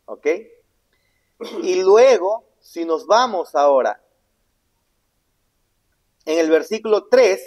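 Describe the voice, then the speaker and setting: A man preaching a sermon, asking the congregation questions and answering them himself, swinging between loud emphatic lines and low hushed asides. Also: animated, slow, pauses often, muffled recording. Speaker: pastor. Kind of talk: sermon Bible teaching.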